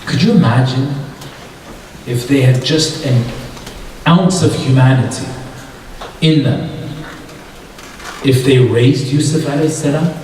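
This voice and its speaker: A man's voice: mid-range voice, darkish tone, slight background noise. A man giving a religious talk to a young audience, repeating short phrases for emphasis and asking the crowd questions. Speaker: youth conference speaker. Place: large hall with an audience. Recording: echoey hall, speaker far from the mic.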